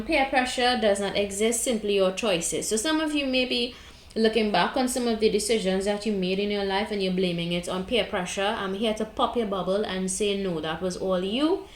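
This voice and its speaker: This woman, a tarot reader with a Trinidadian accent, delivers a casual, blunt monologue of spiritual advice in an echoey room. Her voice is medium-pitched, and she frequently checks in with "right?" and "okay?"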